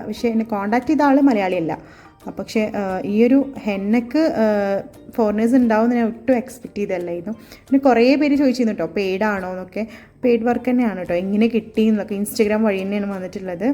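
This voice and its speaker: A henna artist and vlogger with a Malayali accent narrates a casual vlog in Malayalam sprinkled with English words. Her medium-pitched voice is mellow, the audio is dull, and faint music plays behind her.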